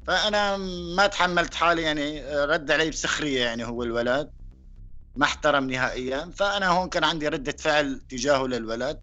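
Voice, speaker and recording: A man from Syria with a Syrian accent, giving a personal testimony in a halting way, with frequent pauses and restarts. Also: medium pitch, bright, forceful tone, lo-fi sound. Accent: Syrian Arabic. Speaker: interviewee.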